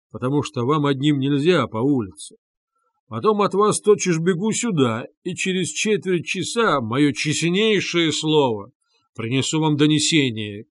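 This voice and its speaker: A man's voice: mid-range voice, no echo, close to an everyday voice. Brief: male narrator as a boisterous, slightly drunk young man, rambling and eager. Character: tipsy, excitable young man, loud. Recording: dry close studio sound.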